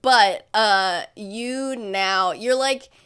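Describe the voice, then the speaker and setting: A woman co-hosting a podcast in casual chat, bantering quickly with frequent giggles and teasing. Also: mid-range voice, fairly bright tone, clean tone. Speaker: podcast co-host.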